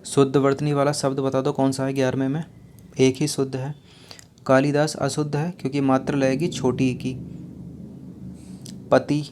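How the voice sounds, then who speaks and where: Guy teaching spelling for exams, monotone, keeps repeating the answer back, thrown in. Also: medium pitch, slight background noise. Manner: explains patiently, repeats each answer and asks rhetorical questions. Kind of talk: exam-prep lesson going through spelling questions.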